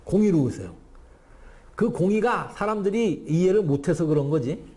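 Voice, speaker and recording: Male lecturer, lively and blunt, mellow voice pitched a bit high, acts out lines as he teaches. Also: normal speed. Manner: animated, acts out divine speech in blunt casual Korean; frequent restarts and repeated words. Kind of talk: Bible lecture.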